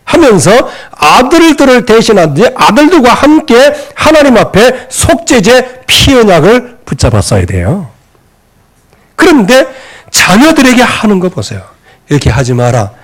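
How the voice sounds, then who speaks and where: A male pastor delivers a sermon in a church with a notably high voice. His pitch swings widely as he preaches with animation, slipping into scolding voices when he quotes people. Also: big pitch swings, measured pace. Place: church sanctuary.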